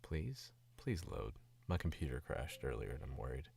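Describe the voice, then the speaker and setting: A voice actor from the Southern United States, sick and speaking lower than usual, chats on a stream in a Southern accent. His very deep voice is gravelly and a little mellow, with big pitch swings at normal speed. He rambles distractedly, often chuckling.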